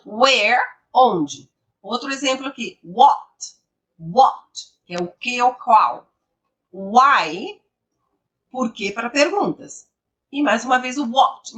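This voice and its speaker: Woman teacher, slow and emphatic, bright voice, lively pitch, repeats examples. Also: recorded from a distance. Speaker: English teacher. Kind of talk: explaining grammar to students.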